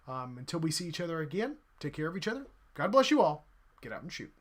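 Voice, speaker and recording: A man hosting a podcast in casual chat, rambling and filling pauses with ums and uhs. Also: on the high side, sing-song. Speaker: podcast host.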